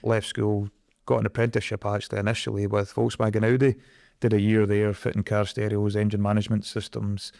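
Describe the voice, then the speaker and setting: A man's voice: lowish voice, level tone, fast talker, creaky, darkish tone, no echo, studio quality. A Scottish man in his forties, a guest in an interview, talking earnestly and reflectively about his career. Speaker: guest, energy project director. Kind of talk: conversational interview.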